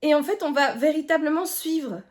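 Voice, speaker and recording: A young woman talks casually to camera about her books. Her voice sits a little high, and she rambles warmly, full of fillers and self-corrections. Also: expressive, moderate pace. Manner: chatty, rambling, many fillers and restarts. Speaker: book vlogger.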